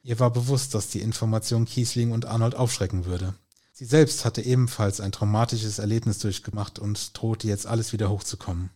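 A man narrating a crime story in an even, storytelling manner. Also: on the low side, brisk. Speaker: audiobook narrator. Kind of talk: scripted narration.

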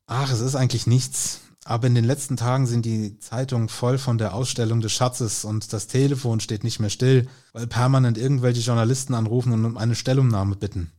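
A man doing a lively younger friend. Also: mid-range voice, brisk, hardly any pauses, natural voice. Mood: subdued.

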